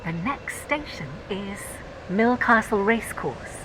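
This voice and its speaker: A woman's voice: medium pitch, expressive, slow pace. Woman's onboard train announcement over train noise.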